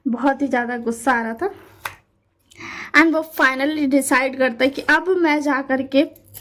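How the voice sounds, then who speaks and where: A woman who wrote the story retelling it in a chatty, repetitive way, mixing in English words. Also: sits high. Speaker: fanfiction author and narrator.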